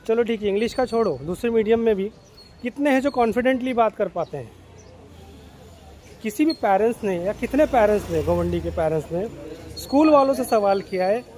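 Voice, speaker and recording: A man's voice: high voice, a little mellow. A man, a local vlogger giving street-side social commentary and firing off rhetorical questions as he walks through the city. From Mumbai, India.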